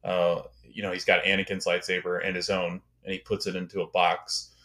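A man's voice: deep voice, completely flat delivery, fairly quick, sharp tone. A young man, a podcast guest, telling his ideas in a hesitant way with many ums. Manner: hesitant, filler-heavy storytelling. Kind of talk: casual podcast chat.

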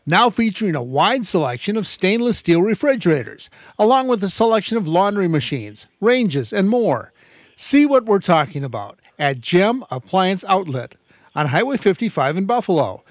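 Animated guy doing a local radio ad, voice on the high side, very up and down. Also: dry recording, clean studio sound. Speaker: commercial announcer. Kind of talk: scripted local radio ad read.

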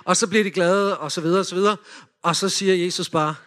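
A man in a lively sermon, retelling a Bible story and directing volunteers as they act it out. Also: sits high. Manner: animated, directs volunteers with quick cues.

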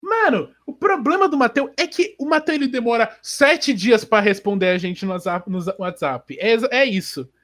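A man's voice: very high voice, animated, normal speed, hardly any pauses, fairly bright tone. A young man with a Brazilian Portuguese accent, co-hosting a podcast in slangy, joking casual banter. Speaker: podcast co-host.

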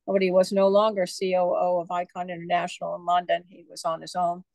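A woman's voice: on the low side, monotone, fast talker, a little mellow, no echo. Chatty woman author telling stories. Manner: chatty, digressive, many fillers. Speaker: author guest. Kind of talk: casual storytelling interview.

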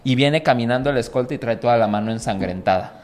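Young Mexican man, podcast co-host, animated swearing storyteller who acts out voices. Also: medium pitch, quick pace. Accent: Mexican Spanish. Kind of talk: casual storytelling chat.

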